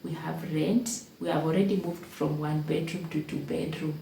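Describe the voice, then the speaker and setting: A woman's voice: low voice, fairly even intonation, moderate pace, gravelly, warm tone, far from the mic. A young Kenyan woman telling her own life story to the camera, emotional and repeating phrases for emphasis. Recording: echoey room, voice a bit off-mic, faint background hum.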